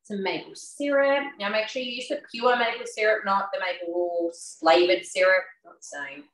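A woman's voice: mid-range voice, normal speed, a bit bright. Young woman showing food on a video call, friendly, far from the mic, echoey room, bit of hiss. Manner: friendly, inviting viewers to comment. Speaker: cooking demo presenter. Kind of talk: live online cooking demonstration. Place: home kitchen, indoors. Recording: roomy, distant audio with faint noise.

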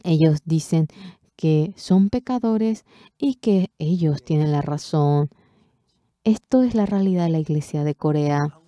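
A woman interprets a church sermon into Spanish, speaking emphatically and swelling loud on key words. Her voice is low-pitched, her pace measured, and the recording dry.

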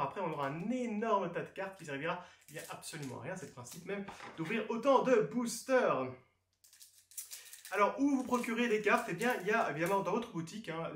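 A man hosting a card game channel, giving a casual unboxing commentary full of playful, jokey asides. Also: on the high side. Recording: echoey room.

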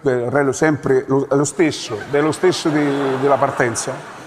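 A man performing a rapid, animated stand-up comedy monologue in a theatre. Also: medium pitch, background noise. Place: theatre stage. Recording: live theatre with audience, reverberant.

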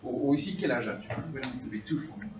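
A man's voice: mid-range voice, quick pace, darkish tone. A man teaching a French class, repeating phrases and drilling his students. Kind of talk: classroom instruction. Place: classroom, large indoor room. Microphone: far camera. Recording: roomy, distant, dull camera audio with room noise.

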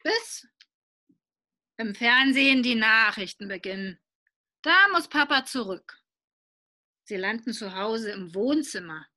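A woman reading a picture book aloud to children, lively and asking them questions along the way. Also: a little high, takes it slowly, pauses often.

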